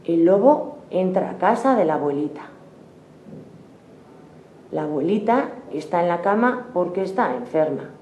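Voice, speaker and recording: A woman narrating a children's fairy tale in slow, clear, simple sentences. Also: on the low side, lively intonation, mellow, roomy sound, muffled recording, a little hiss or hum.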